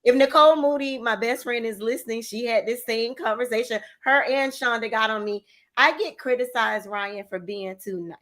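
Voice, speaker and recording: A chatty woman hosts a talk show and keeps the talk casual and lively. Her voice sits on the higher side. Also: normal speed.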